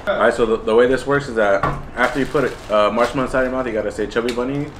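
A young man quickly explaining the rules of a party game to his friends. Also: medium pitch, background noise. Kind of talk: casual chat with friends.

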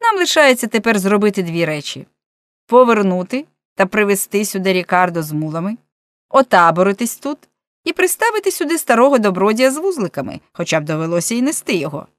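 A woman reading an audiobook, voicing a decisive young male treasure hunter in her own voice with a brisk, practical manner. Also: mid-range voice, big pitch swings, no room sound, close to an everyday voice.

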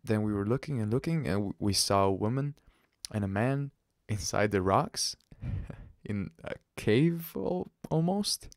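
A man hosting a podcast, telling a personal story in a halting, casual way with restarts and soft laughs. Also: lowish voice, expressive, no room sound, studio quality. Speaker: podcast host.

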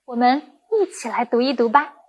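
A woman's voice: on the high side, animated, moderate pace. A woman primary school teacher giving a recorded lesson to young children, speaking in a patient, encouraging way.

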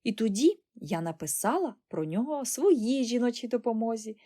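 In an audiobook, a woman with a voice on the high side plays an excitable, cheerful little girl. The character gushes and exclaims with breathless enthusiasm.

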